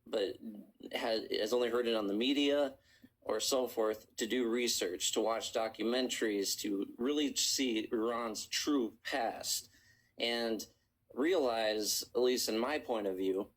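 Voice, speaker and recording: A man calling in to a live stream, talking in a rambling, halting way with many restarts. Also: mid-range voice, rough recording. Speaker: caller. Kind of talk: casual call-in chat.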